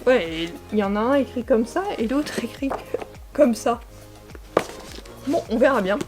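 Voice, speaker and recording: A young woman chats about her reading pile in a fairly high voice, full of hesitations and little restarts. Faint music plays quietly behind her. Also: lively intonation, measured pace. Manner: chatty, many fillers and restarts. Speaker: book vlogger. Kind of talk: casual book talk with read-aloud summaries.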